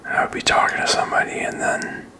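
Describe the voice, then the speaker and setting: A man in his thirties rambles in a halting, unscripted whisper for ASMR, very close to a desk microphone in a small quiet room. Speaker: ASMR video creator. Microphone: desk microphone with furry windscreen, very close.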